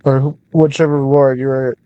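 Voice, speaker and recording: A young man playing a game, reading its story text slowly like a storybook and breaking into loose, swearing commentary. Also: medium pitch, flat delivery, no room sound, phone-quality sound. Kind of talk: casual let's-play commentary.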